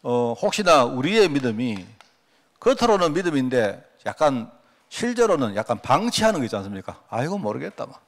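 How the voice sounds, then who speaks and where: A man's voice: mid-range voice, sing-song, a little fast. Male pastor, mid-range voice, chatty sermon delivery that keeps checking in with the congregation. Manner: conversational, poses rhetorical questions to the congregation; acts out quoted prayers and remarks.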